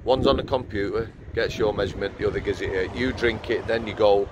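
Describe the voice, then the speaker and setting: A man's voice: on the low side, steady tone, fast, muffled recording. A man, a former prison officer hosting a walk-and-talk interview on a street at night, talking bluntly into a lapel mic. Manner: blunt, plain-spoken. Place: outdoors on a city street at night. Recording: loud street noise.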